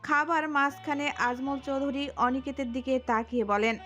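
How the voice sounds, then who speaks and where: A woman narrating a romantic audio story in an expressive storytelling manner. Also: high voice, moderate pace, muffled recording, faint music behind.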